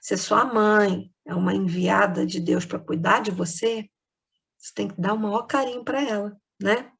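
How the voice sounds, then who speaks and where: A woman's voice: medium pitch, steady tone, normal speed, gravelly, a bit bright, slightly rough. A woman with a Brazilian Portuguese accent, teaching a remote lesson to children and explaining things patiently step by step, often checking in with short tag questions. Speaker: primary school teacher.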